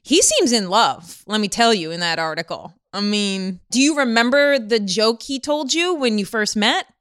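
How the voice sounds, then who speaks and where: A woman's voice: on the high side, lively intonation, moderate pace, a bit bright. A woman hosting a casual interview, asking friendly and teasing questions.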